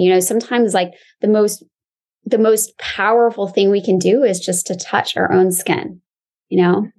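A woman's voice: mid-range voice, darkish tone. A woman who teaches movement, explaining her ideas in a conversational, reflective way as an interview guest. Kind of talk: casual explanatory chat.

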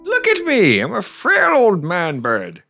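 A man voicing a frail, very old bird-like man in a tabletop game, with a slow, drawn-out delivery. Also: high-pitched, huge pitch swings, creaky, music in the background, heavily acted. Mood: plaintive, frail.

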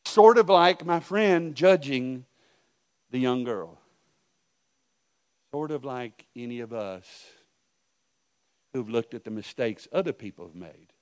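A middle-aged male pastor preaching a sermon, telling stories and swinging from hushed asides to loud outbursts. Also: mid-range voice, expressive, slow, long pauses, clean tone.

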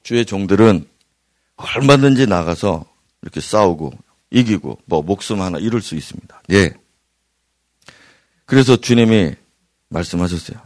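A male pastor delivering an evening prayer-meeting sermon, swinging between loud emphatic bursts and hushed near-whispers. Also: low-pitched, animated, moderate pace, pauses often, dry recording, studio quality. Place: church hall.

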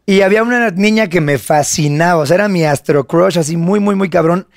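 Mexican guy in his 30s, higher voice with gravelly fry, dry close sound, rambling slangy story. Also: a little fast, no echo. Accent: Mexican Spanish. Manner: slangy, animated, self-mocking storyteller. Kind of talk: casual storytelling chat.

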